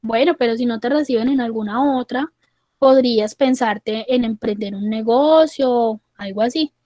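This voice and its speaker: Woman quoting a calm male psychologist. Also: a little high, normal speed, no room sound, studio quality, natural voice. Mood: reassuring. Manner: patient, reassuring.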